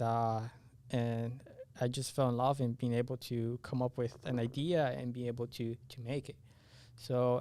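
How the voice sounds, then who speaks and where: A young adult man with a medium-pitched, darkish voice answers interview questions casually, often pausing to find his words. Originally from Honduras and a native Spanish speaker, he moved to the US at nine and is now an engineering student appearing as a podcast guest.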